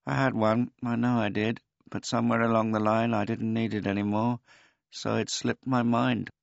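A man voicing a weary, laconic elderly male tomcat who speaks in a dry, unhurried, noncommittal way. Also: fairly low pitch, level tone, creaky, dry recording, muffled recording, voice pushed up.

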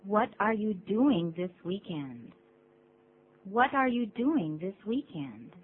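Woman reading English sentences slowly. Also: medium pitch, very animated. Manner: reads English model sentences slowly and clearly, repeating each. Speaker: English co-teacher. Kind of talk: radio English lesson. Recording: tinny phone-like radio recording with faint hum.

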